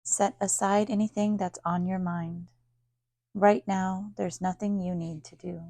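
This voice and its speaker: A woman guides a yoga nidra meditation as its teacher, her medium-pitched voice carrying some vocal fry. She is calm, soothing, and unhurried, with long pauses, and there is no room sound.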